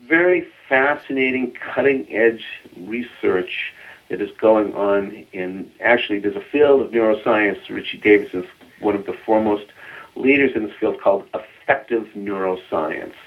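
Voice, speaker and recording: A man's voice: on the low side, normal speed. A man with a Boston accent, a guest explaining mindfulness research in a radio interview, earnest, often repeating words as he starts a sentence. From Boston area, US. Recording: tinny phone line.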